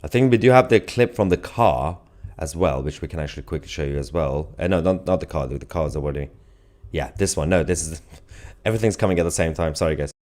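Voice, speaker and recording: Speaking fast in an extremely low, darkish voice, this man hosts a live online political news commentary show. His tone toward viewers is scornful, sardonic and emphatic.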